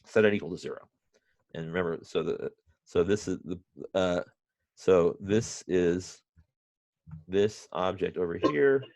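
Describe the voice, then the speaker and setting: A man teaching a university math class remotely, halting often with restarts and fillers, and dropping wry, self-mocking asides. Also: sits low, creaky, darkish tone, no room sound. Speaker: math professor.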